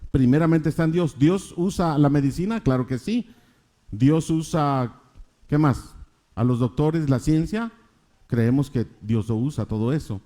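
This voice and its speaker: A man's voice: fairly high pitch, a little slow, mellow. A man preaching a sermon, questioning his congregation and repeating key phrases for emphasis.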